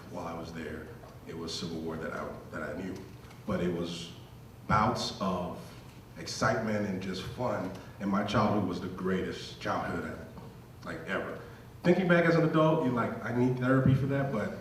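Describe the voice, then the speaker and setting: A man's voice: low voice, a little hiss or hum. A man in his thirties from Liberia, telling his story in a casual, self-deprecating way as a panel speaker at a symposium. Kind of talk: symposium talk. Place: lecture hall. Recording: echoey hall, distant mic.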